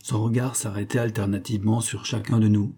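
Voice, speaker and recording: A man narrating a novel in a measured, steady reading. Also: on the low side, husky. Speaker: audiobook narrator.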